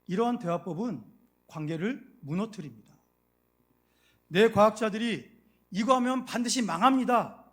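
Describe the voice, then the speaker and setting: A male pastor preaching a Sunday sermon, acting out everyday dialogue and putting questions to the congregation. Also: high voice. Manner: swings between soft asides and loud emphatic lines.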